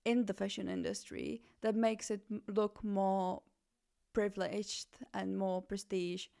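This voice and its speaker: Woman, Czech, twenties, podcast host, gravelly, chatty, animated. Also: medium pitch, unhurried. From Czech Republic. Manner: chatty, animated storytelling with self-corrections. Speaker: podcast host, fashion journalist. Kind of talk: casual podcast monologue.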